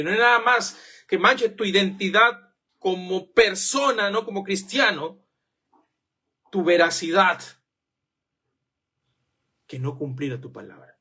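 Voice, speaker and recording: A man's voice: sits high, bright, forceful tone, slightly rough. A man preaching a sermon, firing off rhetorical questions and acting out the voices of the people he quotes.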